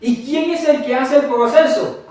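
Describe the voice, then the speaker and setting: A man preaching a sermon as pastor, animated, with humorous asides to his congregation. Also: extremely high pitch, measured pace, a little hiss or hum. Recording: echoey hall, mic at a distance.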